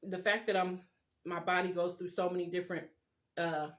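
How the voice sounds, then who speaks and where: Eating on camera, a vlogger rambles to viewers in a casual, confiding mukbang chat, speaking with a full mouth. The voice is mid-range, level in tone, a bit bright, and moves at a moderate pace.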